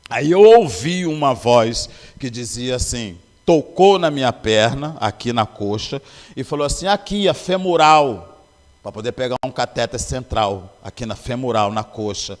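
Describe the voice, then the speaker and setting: A man's voice: mid-range voice, expressive, moderate pace, a little mellow. A man gives a personal testimony before a congregation. He tells the story earnestly, voicing each exchange as he goes. His mid-range voice carries a long reverb from the church sanctuary. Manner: earnest storytelling, acting out dialogue. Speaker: church member giving testimony.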